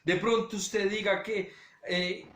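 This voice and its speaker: A male pastor giving a sermon, talking straight to his listeners and swinging between loud urging and hushed low passages. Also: level tone, slow pace, echoey room. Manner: direct address to listeners.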